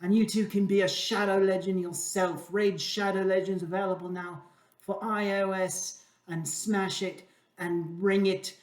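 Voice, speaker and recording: A man's voice: high voice, level tone, a little slow, echoey room, distant mic. A man voicing a mock YouTuber sponsor read in a put-on British accent, over-the-top and hyped.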